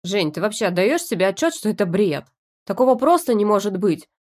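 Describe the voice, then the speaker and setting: A woman's voice: medium pitch, very animated, a little fast, a little mellow. A frantic wife stuck in her husband's body, as a woman reads her in an audiobook. She speaks in a raised, agitated voice and fires off accusations. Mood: panicked.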